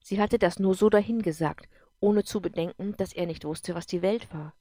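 A woman narrating an audiobook in an even, measured storytelling voice. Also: medium pitch, no echo, clean studio sound.

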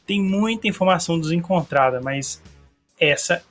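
A slightly hoarse man hosts a casual solo podcast. He rambles in a slangy, chatty way, his voice sitting a little high. A song plays faintly in the background. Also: animated, normal speed, a bit bright, soft background music. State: a bit hoarse. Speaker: podcast host. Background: faint song playing.

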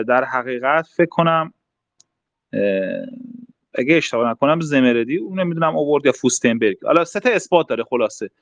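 A man's voice: medium pitch, dry recording. A young man explaining mathematics casually in an online group talk, step by step with frequent fillers. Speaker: math talk host.

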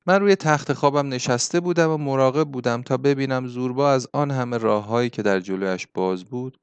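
Man narrating a novel, smooth and dry. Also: mid-range voice, dry recording. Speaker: audiobook narrator.

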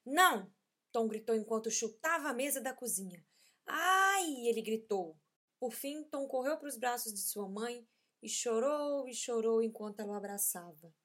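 A woman's voice: fairly high pitch, moderate pace. Mother reading a children's story. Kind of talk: children's story read aloud.

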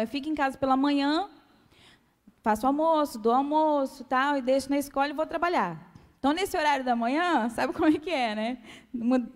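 A woman with a Brazilian Portuguese accent giving a calm, soft-spoken testimony sermon to a church. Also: high-pitched. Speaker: church speaker. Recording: long hall reverb.

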